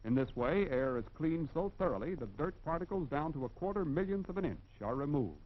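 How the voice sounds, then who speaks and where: A man's voice: a little high, animated, fairly quick. An American man reads scripted narration for a 1940s industrial film in a formal, instructive and emphatic manner. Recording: dull, band-limited vintage film soundtrack.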